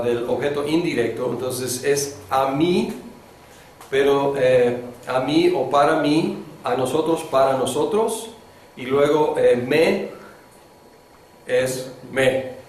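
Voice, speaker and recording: A man teaching a beginners' Greek lesson in class, talking slowly and thinking aloud with many fillers. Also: medium pitch, a little mellow, a little hiss or hum. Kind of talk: classroom lecture. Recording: echoey classroom from a distant mic.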